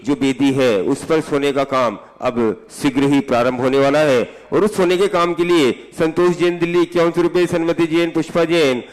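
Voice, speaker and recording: A man announcing callers and reading out lists of donations in a formal, steady way. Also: fairly high pitch, normal speed, hardly any pauses, long reverb tail, rough recording. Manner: reads lists of names steadily.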